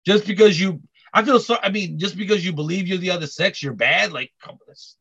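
Gravelly high-voiced man, halting. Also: fairly bright tone. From Korean heritage. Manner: halting, many restarts and repeated words. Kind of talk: casual podcast chat. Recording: dull lo-fi audio.

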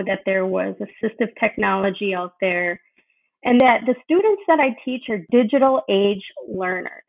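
Enthusiastic teacher woman on a tinny line. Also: mid-range voice. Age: middle-aged. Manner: earnest, enthusiastic, with frequent "um" fillers. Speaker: kindergarten teacher, interview guest. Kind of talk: conversational interview answers.

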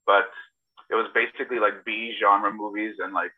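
Over thin, phone-like audio from a video call, a middle-aged screenwriter guest speaks in a lowish voice, with a level tone and moderate pace. Serbian-born and partly raised in Toronto, Canada, he answers casually, sharing personal anecdotes.

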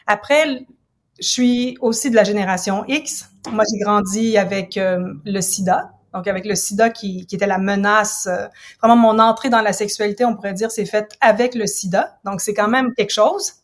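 A woman in her fifties from Ottawa, a university professor and writer, speaking as a guest in a casual interview in a reflective, measured, explanatory way. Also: mid-range voice. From Ottawa, Canada. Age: 50s.

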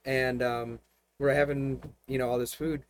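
A man in the host's chair, a pastor, sharing a meandering story at an easy pace. His voice is of middle pitch, loose and friendly in manner, broken often by laughter. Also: unhurried, a little hiss or hum. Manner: rambling, relaxed storytelling with frequent laughs. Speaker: host and pastor. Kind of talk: casual conversation.

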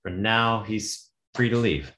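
A man playing a measured, formal prison official in a script read. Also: on the low side, pushed and bright. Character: measured, official prison authority explaining a predicament.

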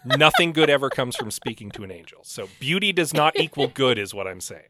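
Bright-voiced, wry man podcaster. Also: medium pitch, sing-song, brisk. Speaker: podcast co-host. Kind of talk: casual book discussion.

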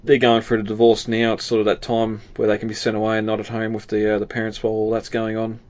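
A man's voice: on the low side, monotone, fast, darkish tone, lo-fi sound. A man co-hosting a casual film podcast, rambling with lots of fillers and frequent chuckles. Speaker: podcast co-host.

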